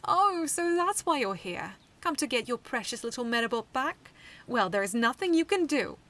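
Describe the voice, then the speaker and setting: A woman's voice: medium pitch, lively intonation, fairly quick. Woman doing a sneering villain gang boss. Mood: taunting. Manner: taunting, loud and mocking. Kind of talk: fanfiction read aloud.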